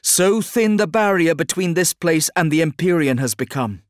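A man voices a stern, ominous male psyker warrior who issues raised, intense warnings. The performance is fairly high-pitched, above his own voice yet close to an everyday one, with lively intonation at normal speed, recorded studio-quality with no echo.

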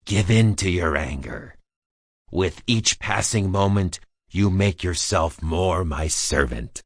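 An actor playing a sinister old male emperor, a gloating tyrant who taunts slowly in a husky, menacing voice. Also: sits low, expressive, dry recording, clean studio sound, exaggerated voice. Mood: taunting. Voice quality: gravelly, husky, menacing whisper-like delivery. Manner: slow, taunting, relishing cruelty.

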